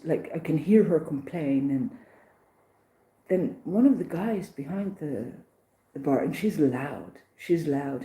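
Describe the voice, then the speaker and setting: A woman recounting her pilgrimage day in a casual, animated vlog, with many restarts and acted-out voices. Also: sits low, reverberant, low-quality recording. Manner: animated, acts out others' voices, restarts often. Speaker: pilgrim vlogger.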